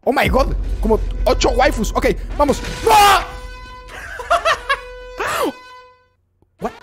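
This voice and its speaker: A live gaming streamer commentating excitedly, often shrieking at the game and constantly talking to the chat. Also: sits high, normal speed, over music.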